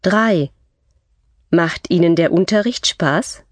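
A woman reading scripted textbook dialogue for a language course with slow, clear enunciation. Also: lowish voice, no echo.

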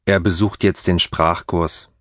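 A man reading scripted textbook dialogue for a language course with slow, careful enunciation. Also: low-pitched, little pitch movement, fairly bright tone, no echo, studio quality.

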